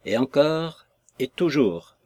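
A man's voice: fairly high pitch, expressive, slow pace, a little mellow, dry recording, pitched above the performer's own voice. A male reader voicing a proud, vengeful female maid who speaks with sarcasm and contempt. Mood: scornful fury.

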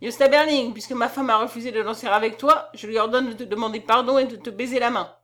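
A woman reading the lines of a pompous, foolish young count who gives stiff, self-righteous commands and shouts at his wife. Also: a little high, fairly even intonation, fast talker, natural voice. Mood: harsh, commanding.

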